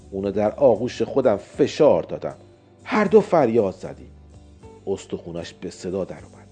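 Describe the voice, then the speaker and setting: A man narrating a story as a dramatized audiobook, theatrical, swinging between loud outbursts and hushed asides. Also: fairly low pitch, breathy edge. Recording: narration with faint music behind. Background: faint music.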